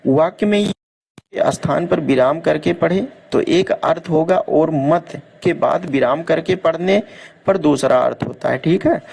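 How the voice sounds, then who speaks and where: A man with a Hindi-belt Indian accent teaches an exam-prep lesson, reading steadily from his notes. His voice sits a little high and has a gravelly edge. He keeps stopping to check in with his students. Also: darkish tone. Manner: reads notes aloud, adds "ठीक है" check-ins.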